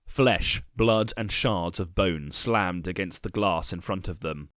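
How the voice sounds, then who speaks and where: Low-voiced man narrating a grim tale. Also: fairly bright tone, no echo, clean studio sound. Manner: measured, grim storytelling delivery. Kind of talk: dramatic first-person storytelling.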